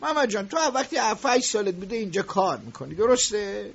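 A domineering middle-aged factory owner in a radio drama, speaking in a strikingly high, bright voice. He is quick-tempered and sarcastic with his workers. The recording sounds dull and lo-fi. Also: animated, creaky, husky, exaggerated voice. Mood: coaxing. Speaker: factory boss. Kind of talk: audiobook radio drama acting.

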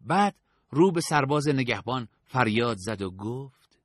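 A man narrating an audiobook story with a steady storytelling read. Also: mid-range voice, no echo, clean studio sound.

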